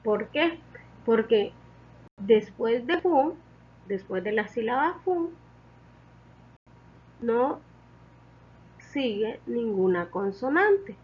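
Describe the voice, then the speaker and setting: Slow, patient woman teaching a lesson. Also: on the high side, expressive, husky, dull audio. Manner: deliberate, patient, repeats key points.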